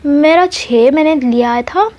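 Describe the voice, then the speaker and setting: A woman's voice: sits high, slow, a little mellow, pitched above the performer's own voice. A woman voicing a petty, complaining young female student in a spoken love story.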